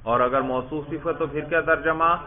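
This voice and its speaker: A man teaching Arabic grammar to a student, asking questions and slowly repeating the correct answers. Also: on the high side, fairly even intonation. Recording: tinny phone-like lo-fi audio.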